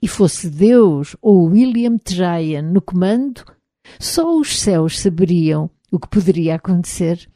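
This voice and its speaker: A woman with a European Portuguese accent narrates a novel in the first person, measured and even. Her voice is low and mellow, recorded close on a dry, dead studio mic. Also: dry recording. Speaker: audiobook narrator.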